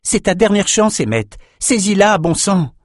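An eager young swordsman, as a male narrator plays him urges and pleads with rising hope. His voice sits well above the reader's own register, lively and insistent. The sound is close and dry. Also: high-pitched, a little slow, no echo, pitched above the performer's own voice, full character voice. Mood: urgent. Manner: urgent, pleading.

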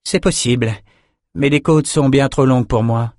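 A man's voice: medium pitch, moderate pace, darkish tone, no echo, studio quality, pitched above the performer's own voice, lightly acted. A man voicing a stern, determined woman sorceress in an audiobook, speaking firmly and with measure.

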